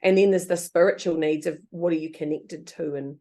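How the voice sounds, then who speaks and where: A woman in her fifties, a guest author in a casual interview chat, who talks lively, laughs often and acts out quoted voices. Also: sits low, fairly quick.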